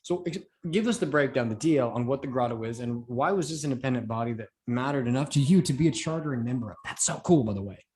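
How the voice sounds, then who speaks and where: A man at a middle pitch hosts a casual podcast interview. He is playful and teasing, and he throws enthusiastic questions at his guest. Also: lively intonation, fast, hardly any pauses, darkish tone. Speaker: podcast host.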